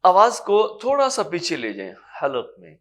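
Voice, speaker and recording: A man from Pakistan with a Pakistani Urdu accent, teaching a tajweed lesson in a lecture room, patiently explaining and slowly sounding out Arabic letters. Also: high voice, wildly swooping pitch, a bit bright. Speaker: Quran recitation teacher.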